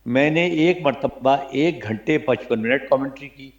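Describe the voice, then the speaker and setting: Older male guest, veteran radio commentator, mid-pitched and steady, recalling stories with lively asides over muffled audio. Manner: animated anecdotes, frequent "theek hai na?" check-ins. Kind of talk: reminiscing interview storytelling. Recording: dull lo-fi broadcast audio.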